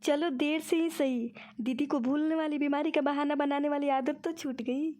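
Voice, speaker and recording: A woman's voice: high voice, steady tone, normal speed, dark tone, close to an everyday voice. A woman voicing a scheming younger friend who coaxes and tricks in a cartoon. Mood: explaining. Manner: coaxing, sweetly persuasive. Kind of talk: cartoon voice acting.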